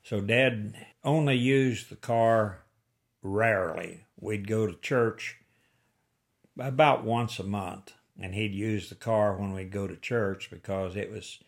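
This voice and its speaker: A man's voice: on the low side, slow pace. An elderly man in his eighties from the rural Missouri Ozarks, with an Ozark Appalachian-style accent, reminiscing in a folksy, plain-spoken storytelling way. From rural Missouri Ozarks, United States. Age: 80s. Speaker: interviewee. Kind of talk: oral history reminiscence.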